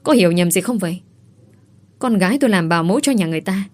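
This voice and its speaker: Woman reads a grieving old mother who scolds her daughter, low and reproachful. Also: lively intonation, fast talker, darkish tone. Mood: pleading. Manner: wailing, reproachful. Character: scolding elderly mother, grief-stricken.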